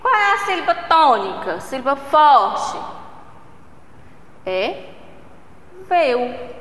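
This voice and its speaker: A woman's voice: high-pitched, very animated, a bit bright. A Brazilian woman teaching a recorded primary school lesson, speaking patiently, drawing out syllables and checking in with the children. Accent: Brazilian Portuguese. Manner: slow, patient, drawing out syllables and asking "né?" and "certo?". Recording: echoey room with long reverb.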